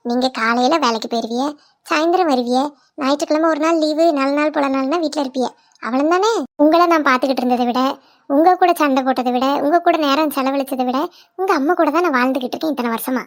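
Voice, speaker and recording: A woman's voice: high-pitched, natural voice. A woman voicing a playful, talkative young village daughter-in-law, in a cartoon. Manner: playful, teasing, cheeky. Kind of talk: cartoon voice acting.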